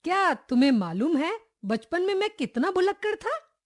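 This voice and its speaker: A woman's voice: very high voice, sing-song, moderate pace, pitched above the performer's own voice. A woman voicing a cheerful, teasing father in a children's storybook reading. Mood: amused. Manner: loud, amused.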